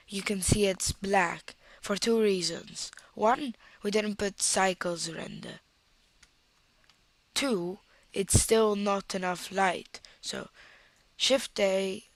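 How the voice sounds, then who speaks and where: Unhurried and slow, an Italian woman with a cold presents a screen-recorded software tutorial, thinking aloud as she clicks. Her voice is medium-pitched and the recording is dry.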